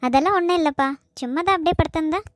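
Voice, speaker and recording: A woman voicing a gentle, dutiful young woman in a cartoon, speaking softly and meekly. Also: very high-pitched, very fast, no room sound, clean studio sound. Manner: soft, meek.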